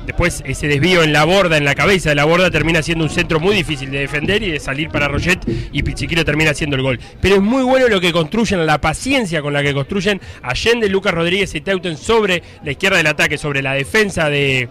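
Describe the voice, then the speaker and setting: Bright, high-voiced Uruguayan football analyst, a man. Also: fast talker, hardly any pauses. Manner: analytical, explanatory. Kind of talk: spontaneous tactical radio commentary.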